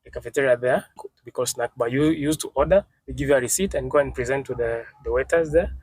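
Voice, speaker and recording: A young man from Congo, telling stories as a podcast guest in a halting, casual way, restarting phrases and dropping in Swahili words. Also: mid-range voice, darkish tone, slightly rough, dry recording. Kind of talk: casual interview storytelling.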